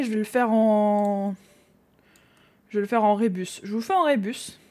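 A woman's voice: a little high, a little mellow. A young woman streamer chatting casually to her viewers while drawing, laughing often and muttering to herself.

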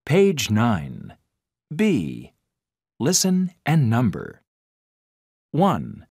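Deep-voiced woman reading textbook cues. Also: huge pitch swings, a little mellow, dry recording, studio quality. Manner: slow, clear announcing of page numbers and tasks. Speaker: course audio narrator. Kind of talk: scripted textbook instructions.

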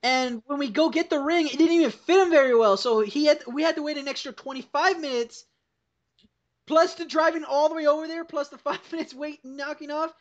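A young woman with a high voice tells a long, rambling story, swearing freely and laughing as she goes. She is heard over a voice call, and the sound is dull and lo-fi. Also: fairly quick. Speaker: podcast host. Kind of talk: casual chat over a voice call. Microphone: voice call headset or computer mic.

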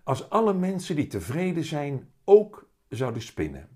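A man's voice: on the high side, huge pitch swings, unhurried, dark tone, breathy edge, voice pushed up, exaggerated voice. A man reading a children's story aloud and voicing a patient, slightly stern mother, lightly raised and motherly. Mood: amused.

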